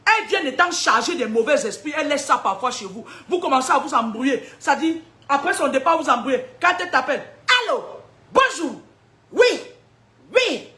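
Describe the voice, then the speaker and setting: A woman preaches spiritual warnings in a high, sharp, bright voice. She is emphatic and combative, fires rhetorical questions at her listeners, and laughs often between points. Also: lively intonation, fast talker, hardly any pauses. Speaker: spiritual seer giving prophecies.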